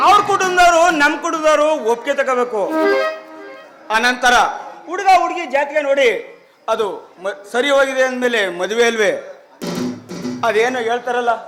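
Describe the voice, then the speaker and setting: Man doing a high-voiced grieving village-head father, declaiming, music behind. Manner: declamatory, mournful. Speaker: stage actor. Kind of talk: village stage play acting. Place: village play stage.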